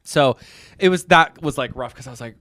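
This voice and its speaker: A man co-hosting a casual podcast chat, laughing often and teasing, his voice trailing off quietly at the ends of lines. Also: a little high, fairly quick, no echo, studio quality. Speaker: podcast co-host.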